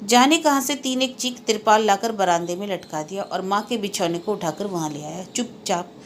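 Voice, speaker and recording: A woman reads a novel aloud in a measured, literary audiobook style. Her voice sits at a middle pitch, with a faint hiss in the background. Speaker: narrator.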